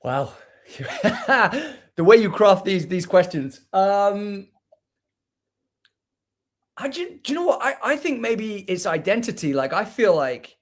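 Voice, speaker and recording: Liverpool man, fairly high voice, reflective guest on a video call, restarts a lot. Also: huge pitch swings, slow. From England. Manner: reflective, repeats words and restarts often. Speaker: guest poet. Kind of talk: casual interview chat.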